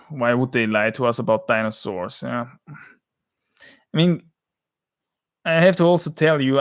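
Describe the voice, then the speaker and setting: A man's voice: mid-range voice, smooth. A man with an Austrian accent chatting casually on a livestream, rambling and joking as he answers viewers' chat. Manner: rambling, joking, reads chat comments aloud.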